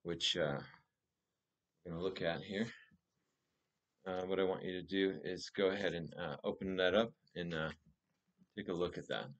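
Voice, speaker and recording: A man's voice: deep voice, steady tone, normal speed, long pauses, lo-fi sound. A middle-aged man giving casual card magician patter, instructing step by step as he presents a trick. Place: small room at home.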